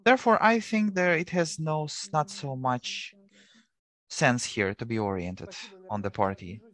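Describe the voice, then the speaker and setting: A man giving live simultaneous interpretation of a panel speaker, measured and rephrasing as he goes. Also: a little high, fairly bright tone.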